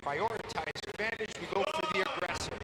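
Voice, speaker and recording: A man's voice: high voice, a little fast, heavy background noise. A man giving live fight commentary as an analyst, explaining the action as it goes.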